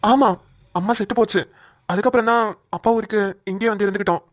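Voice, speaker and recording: A woman voicing a gentle young village child in a cartoon who gives simple, plain answers. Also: medium pitch, quick pace, dry recording, studio quality, natural voice.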